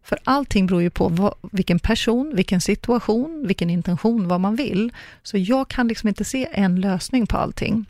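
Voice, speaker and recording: A middle-aged woman talks through her ideas as a coach, acting out little example exchanges as she goes. Her voice has a gravelly edge at a medium pitch. The sound is close and dry. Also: darkish tone, dry recording. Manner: chatty, explains with acted-out example dialogues. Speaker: coach and communicologist guest. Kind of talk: casual podcast conversation.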